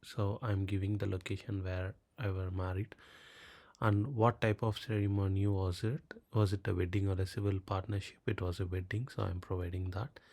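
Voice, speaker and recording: The presenter, a native Tamil speaker with a Tamil Indian accent, records a clipped voice-over for a step-by-step screen tutorial, posing questions aloud and answering them. His voice sits low, with a level tone, darkish color and normal speed.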